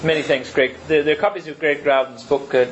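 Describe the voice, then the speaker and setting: A man chairing a book talk, casual and halting, with many fillers and restarts. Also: fairly high pitch, steady tone, highs cut off, very noisy. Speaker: event chair. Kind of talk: casual hosting and Q&A. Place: lecture room with an audience.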